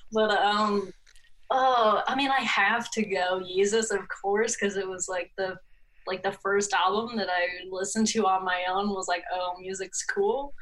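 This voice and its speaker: A young woman in her twenties from California, a podcast guest who talks in a relaxed, rambling way with many fillers and frequent laughs. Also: mid-range voice, a little hiss or hum, poor audio. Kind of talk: casual interview chat.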